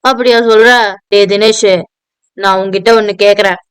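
A woman's voice: mid-range voice, steady tone, moderate pace, clean tone, no echo, voice pushed down, natural voice. A woman voicing a drunk, self-pitying, volatile rich man who slurs and whines. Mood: drunk, whining. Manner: slurred, whining drunk talk.

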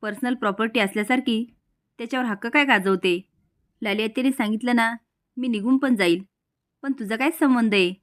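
A woman voicing a brave young woman who calmly stands up to her rival, in a retold drama. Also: on the high side, fairly quick, close to an everyday voice. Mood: defiant. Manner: firm, scolding. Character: defiant brave young woman, calm and firm.

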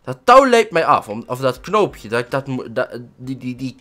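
A man with a Dutch accent doing excitable let's-play commentary, swearing and yelping at every mishap. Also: mid-range voice, normal speed. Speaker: gaming let's-play host.

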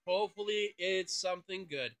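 A man's voice: high voice, moderate pace, vocal fry, a bit bright. A man hosting a gaming channel, thinking aloud and swearing casually through let's play commentary.

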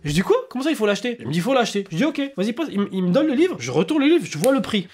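A man's voice: sits high, very animated, rapid-fire, a little mellow, slightly rough, soft background music. A young man from France telling a funny storytime anecdote casually, acting out voices and sound effects.

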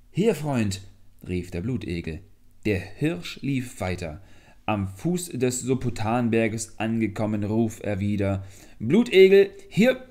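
A man reading a fairy tale aloud in a deliberate, expressive storybook manner. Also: on the low side. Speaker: audiobook reader. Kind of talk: storybook narration.

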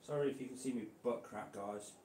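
A man's voice: medium pitch, a little fast, warm tone, reverberant, a little hiss or hum. Man coaxing a snake. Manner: coaxing, chatty, talks to the snake. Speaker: reptile keeper vlogger. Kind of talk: casual vlog. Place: indoor room.

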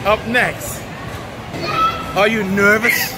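Behind the camera of her phone, a vlogger on a family trip to a crowded indoor mall talks casually and cheers the kids on with excitement. She speaks very slowly at medium pitch, and music plays in the background alongside crowd chatter and ride sounds in the noisy recording.

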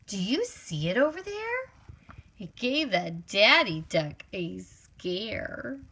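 For young children, a woman reads a picture book aloud with expressive, exclamatory, sing-song storytelling. Her voice is mid-range with a breathy edge, and she takes it slowly.

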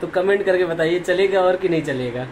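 A man's voice: high-pitched, fairly quick, low-quality recording. A young man chatting casually in a vlog, recorded on a phone camera, laughing at himself now and then. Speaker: vlogger.

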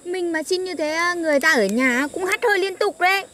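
A young woman teases and bosses in a comedy sketch. Her voice sits high. Faint crickets chirp around her in an open field. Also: lively intonation, fairly quick, pushed and bright, a little hiss or hum. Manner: bossy, teasing, laughing often. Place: outdoors in a field.

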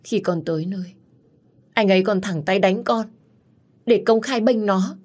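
A woman's voice: fairly low pitch, fairly even intonation, moderate pace, a little mellow, slightly rough. A woman voicing a manipulative young woman who talks through tears and pleads. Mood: tearful pleading. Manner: tearful, pleading. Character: sobbing manipulative young woman, daughter-in-law hopeful.

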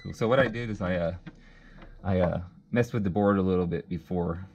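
His voice sits low and darkish, a little fast, on dull-sounding audio. The man is an HVAC technician instructor running a hands-on troubleshooting demo at a workshop bench with a test board, casually working step by step and thinking aloud over a circuit test.

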